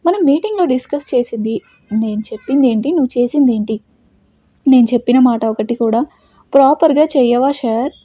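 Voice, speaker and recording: A woman's voice: high voice, brisk, no echo. Woman doing an angry possessive boss man. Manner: shouting, harsh commands.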